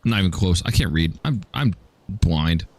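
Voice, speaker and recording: A man's voice: low voice, expressive, moderate pace. A man chatting casually on a livestream while he plays a game, joking and often stammering as he restarts his sentences. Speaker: streamer.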